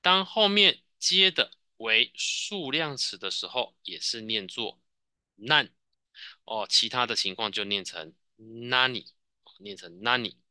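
A man's voice: medium pitch, sing-song, slow, pushed and bright, clear, resonant tone, no room sound. A man with a Taiwanese Mandarin accent teaching a Japanese class, patiently drilling students and tagging sentences with "哦". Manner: patient, repeats answers, frequent "哦" tags.

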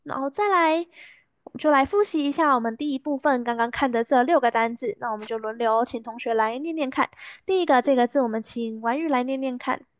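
A woman teaching a language lesson, patiently repeating words slowly and clearly for her students. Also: high voice, dry recording.

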